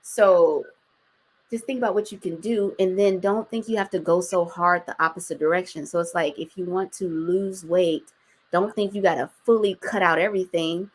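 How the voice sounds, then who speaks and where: In a lowish voice with fairly even intonation and normal speed, a guest in her forties chats casually in an interview. She speaks her mind freely, with slang and the occasional swear word.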